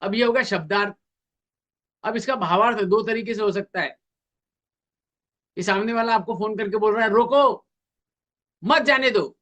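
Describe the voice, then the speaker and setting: A man's voice: sits high, fairly even intonation, moderate pace, pauses often, fairly bright tone. A man speaking in a webinar on communication skills, acting out both sides of everyday conversations to make his points. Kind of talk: webinar talk.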